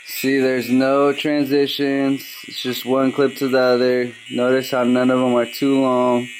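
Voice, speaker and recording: Slow-talking man giving a barber's how-to. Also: mid-range voice, completely flat delivery, a little hiss or hum. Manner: walks through steps, tags lines with "right?". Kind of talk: casual how-to tutorial.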